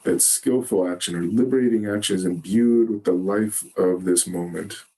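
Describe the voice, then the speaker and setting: A man giving a Zen dharma talk, gentle and halting, often pausing to search for words. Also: sits low. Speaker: Zen teacher. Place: meditation hall.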